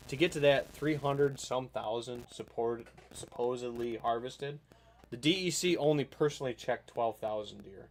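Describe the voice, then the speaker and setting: A man hosting a casual hunting podcast, rambling and animated, often checking that the listener follows. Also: mid-range voice. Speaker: podcast host.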